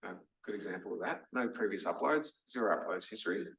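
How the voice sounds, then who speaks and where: A man's voice: fairly low pitch, expressive, quick pace, gravelly, fairly bright tone. An Australian man giving a casual lecture, chatty and full of fillers like "um" and "like". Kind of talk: casual masterclass talk. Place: lecture room. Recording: roomy hall, mic from a distance.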